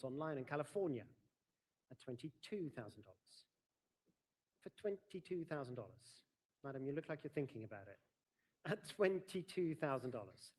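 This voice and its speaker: A man working as an auctioneer, formally and courteously announcing lots and calling out bids at a live sale. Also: fairly high pitch.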